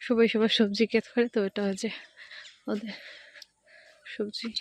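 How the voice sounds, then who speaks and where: A woman narrating a casual village vlog on a handheld phone as she walks along paths and fields, tired from walking and keeping her voice low. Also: level tone, moderate pace, no echo. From India. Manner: speaks softly while passing neighbours' yards. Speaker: village lifestyle vlogger. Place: outdoors on village paths and fields, then at home. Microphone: handheld phone camera.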